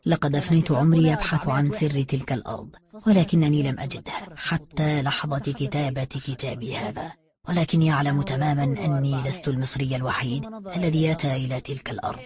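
A reader voicing an old male explorer recounting his manuscript in a solemn, low, hushed voice. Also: fairly even intonation, fast talker, a crowd in the background, close to an everyday voice.

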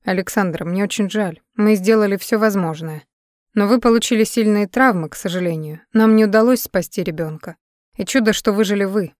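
A woman's voice: medium pitch, brisk, darkish tone, no echo, close to an everyday voice. A male doctor reciting practiced, formal condolences, as a woman narrator voices him. His delivery is rote and distant, recorded dry and close. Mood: solemn. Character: male doctor, detached and rehearsed.

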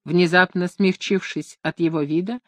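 A narrator reading a historical romance novel aloud in a measured, even manner. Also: medium pitch, no room sound, studio quality. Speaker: audiobook narrator.

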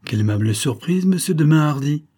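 A man's voice: on the low side, normal speed, warm tone, breathy edge. A man playing a mocking Hungarian colonel. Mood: jovial mocking. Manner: cheerful, taunting. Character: mocking Hungarian colonel, bold, jovial, teasing.

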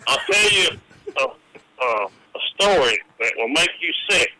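A man's voice: fairly high pitch, big pitch swings, measured pace, sharp tone, rough recording. An older man, heard through a phone speaker as a caller, joking folksily and reciting bawdy rhymes. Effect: heard over a phone speaker. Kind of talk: casual phone chat, singing bawdy rhymes.

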